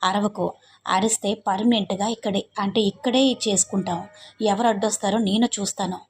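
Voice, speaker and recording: A woman's voice: mid-range voice, fairly even intonation, brisk, a little hiss or hum, lightly acted. A woman voicing a domineering, lecherous male village landlord who speaks in commanding threats. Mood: menacing.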